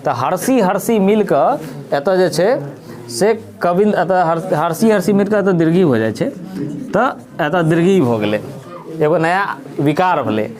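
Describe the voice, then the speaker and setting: A man's voice: high-pitched, lively intonation, a little slow, a crowd in the background. A man with a Maithili accent giving a grammar lesson, explaining step by step and answering his own questions. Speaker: teacher. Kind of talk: grammar lesson for school students.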